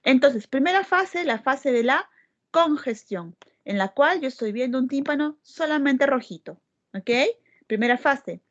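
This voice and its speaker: A woman's voice: high voice, lively intonation, measured pace, fairly bright tone. A woman doctor teaching a class, explaining step by step and checking in with frequent tag questions. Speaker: medical lecturer. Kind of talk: classroom lecture. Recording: dull lo-fi recording.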